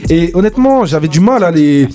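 A young man hosting a radio show, chatting casually about rap in quick, slangy speech with lots of restarts. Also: on the high side, lively intonation, dark tone, faint music behind. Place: radio studio.

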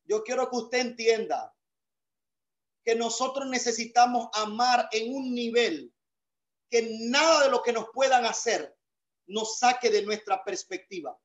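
A male pastor preaching a sermon over a video call, emphatic and swelling into shouts. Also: very high voice, measured pace, muffled recording.

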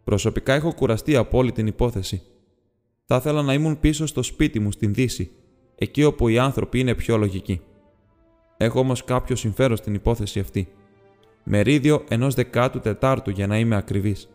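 His voice is medium in pitch, darkish and natural as he voices a polite, businesslike hobbit burglar for an audiobook. The delivery stays courteous, precise and somewhat formal, with long reverb and faint music in the background.

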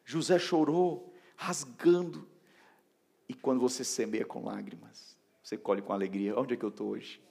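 A man preaching an emotional sermon, swinging from shouts down to hushed near-whispers. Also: on the low side, fairly even intonation, brisk, gravelly, few pauses, slightly rough. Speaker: pastor.

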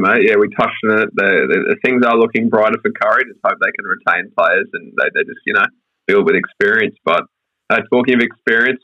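A man's voice: on the low side, sharp tone, no room sound, muffled recording. An Australian man hosting a casual sports discussion, running through stats in a matey, slangy way. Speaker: rugby league podcast host.

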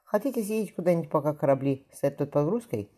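A reader voicing a hospitable middle-aged merchant who talks genially and sincerely. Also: female voice, low-pitched, lively intonation, fast talker, mellow, pitched above the performer's own voice.

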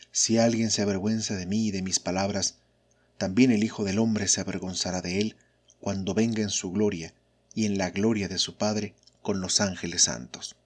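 Jesus, a solemn teacher voiced by a husky-voiced male reader. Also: lowish voice. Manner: measured, solemn. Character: Jesus, a calm, authoritative adult male teacher. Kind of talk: scripture reading of spoken lines.

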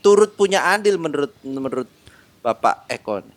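A man's voice: on the high side, very animated, normal speed. A man hosting a casual podcast, joking and swearing as he asks questions. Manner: joking, swears, bursts into laughter. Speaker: podcast host.

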